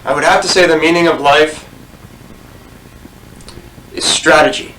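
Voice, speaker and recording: Deadpan man with a distant mic. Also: on the high side, a little slow. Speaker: interviewee. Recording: distant mic with light hiss.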